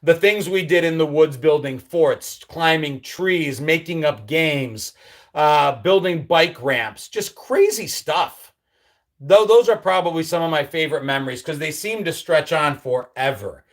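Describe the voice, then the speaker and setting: Speaking unhurriedly in a slightly high male voice, this middle-aged upstate New York livestream host reads out viewer comments and responds to them. He looks back on his childhood in a relaxed, nostalgic way, often saying um and letting his phrases trail downward.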